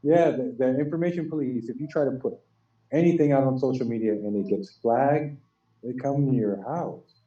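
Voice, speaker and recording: A man co-hosting a casual podcast, lively and prone to repeating himself. His voice is dark and mellow and sits well back from the mic. The room is echoey and the sound is dull and lo-fi. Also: medium pitch, moderate pace. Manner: animated, repeats phrases, laughs often. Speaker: podcast co-host. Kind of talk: casual chat. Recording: distant, roomy, dull lo-fi sound.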